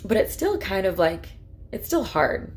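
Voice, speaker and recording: A woman's voice: medium pitch, big pitch swings, a little slow, a little hiss or hum. A woman vlogging in a heartfelt, casual way, rambling earnestly with lots of filler words. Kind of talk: casual heartfelt talk to camera.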